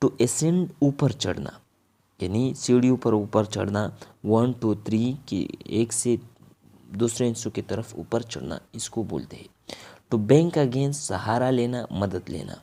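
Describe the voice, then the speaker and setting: A man's voice: fairly low pitch, expressive, warm tone. A man with a Pakistani accent teaching a vocabulary lesson. He says each word, then explains its meaning.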